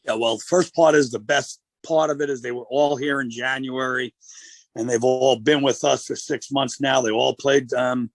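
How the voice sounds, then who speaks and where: Coach guy with a gravelly voice, talks slow and careful, dry sound. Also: mid-range voice, fairly even intonation, dry recording. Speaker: college football coach. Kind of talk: radio interview guest.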